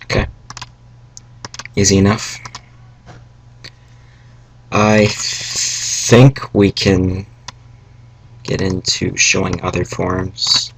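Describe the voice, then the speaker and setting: Recording a relaxed coding tutorial of his screen at home amid family noise, a young man talks slowly in a low monotone, slightly raspy after eating salty food. His delivery wanders and halts, full of fillers and asides, while faint room noise and keyboard and mouse clicks come through the rough recording.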